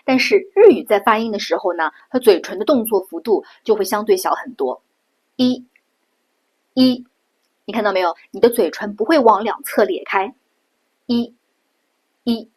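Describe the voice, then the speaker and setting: A middle-aged woman from China giving a patient pronunciation lesson, slowing down and repeating sounds to show them. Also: medium pitch, expressive, husky. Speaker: Japanese language teacher.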